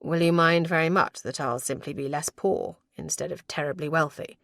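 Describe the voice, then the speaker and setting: A woman voicing an affectionate young lord, speaking low, wry and murmuring to his new wife. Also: fairly even intonation, normal speed, creaky, fairly bright tone, no echo. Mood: tender.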